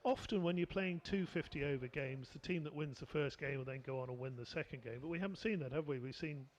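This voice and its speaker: A man's voice: on the high side, fast, slight background noise. A man doing live cricket commentary, chatty and rambling with lots of fillers, from a commentary position at the ground.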